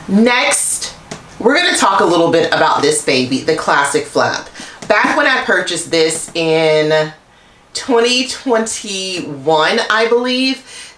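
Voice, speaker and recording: Chatty low-voiced woman in echoey room. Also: a bit bright, a little hiss or hum. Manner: chatty, many "like" fillers. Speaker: luxury handbag YouTuber. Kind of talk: casual chat to camera.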